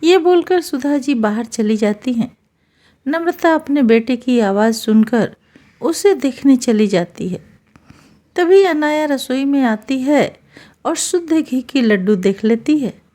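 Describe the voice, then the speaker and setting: A woman narrating a scripted moral tale in a calm, even manner. Her voice is high and soft-toned. She reads slowly. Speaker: storyteller.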